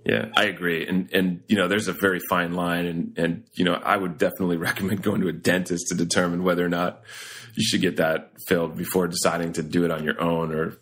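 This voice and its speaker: A man chatting casually on a podcast in a relaxed, conversational way, laughing easily. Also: low-pitched, fairly quick.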